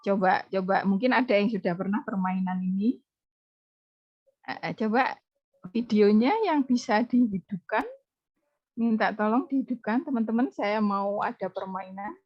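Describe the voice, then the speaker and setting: A woman giving an online lecture on child psychology in a lively way, acting out what parents say in a raised voice. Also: medium pitch, moderate pace, muffled recording. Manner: lively, acts out quoted parent lines in a raised voice. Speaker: webinar speaker on child psychology.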